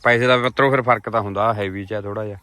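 A man's voice: on the low side, fairly even intonation, very fast, sharp tone. A man with a Punjabi accent talking casually and playfully in a village vlog, teasing the people around him. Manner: playful, teasing with friends and children. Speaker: vlogger.

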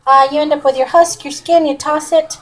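A woman's voice: high-pitched, fairly even intonation, brisk, a little hiss or hum, low-quality recording. A middle-aged woman, chatting folksily to viewers while demonstrating a recipe in her home kitchen, recorded on a camera close by on the counter. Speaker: home cooking vlogger. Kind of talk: casual cooking demonstration.

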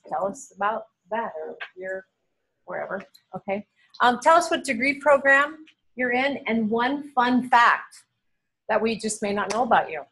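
A middle-aged seminary instructor teaches and leads prayer in a large classroom with a drop ceiling, friendly and animated, gesturing with her hands. Her voice is fairly high and slightly rough. A camera on the table below her captures it, and the audio quality is poor.

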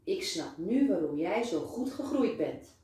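A woman's voice: fairly low pitch, sing-song, a little slow, mellow. A woman doing a jolly, teasing male doctor. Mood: kind, teasing. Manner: playful, teasing. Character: friendly male doctor, gently joking with a small child. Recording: very echoey room, voice far from mic.

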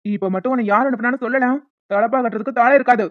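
A man playing a tough young caterer who talks in a blunt, commanding way and is quick to threaten. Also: very high voice, fairly even intonation, no echo, phone-quality sound.

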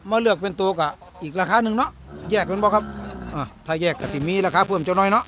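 This is a man with a rather high voice and an Isan accent. He delivers live sales commentary, repeating prices and urging viewers to take a look. Faint outdoor market noise runs behind him. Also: fast talker. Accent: Isan (northeastern Thai). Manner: repetitive sales patter addressing viewers. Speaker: cattle market video host.

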